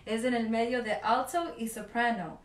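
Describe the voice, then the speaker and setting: A woman's voice: on the high side, fairly even intonation, moderate pace. A woman with a mezzo-soprano voice giving an online singing lesson, counting aloud, demonstrating vowel drills and slipping English words into her speech. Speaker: singing teacher. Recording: roomy sound, mic at a distance, loud piano. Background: piano accompaniment.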